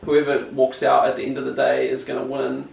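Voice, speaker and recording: A young man with a broad New Zealand accent, a BMX rider being interviewed, chats casually, rambling, slangy and self-deprecating. His mid-range voice is gravelly, a little mellow and a little fast, with completely flat delivery. The room is echoey, the mic distant, with faint noise.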